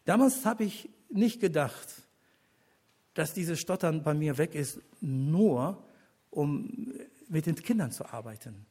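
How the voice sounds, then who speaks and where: Delivering his testimony as a sermon, an elderly church elder speaks earnestly in an expressive, mellow voice that's on the high side and slightly rough. His pace is deliberate and punctuated by pauses, climbing into emphatic appeals to the congregation.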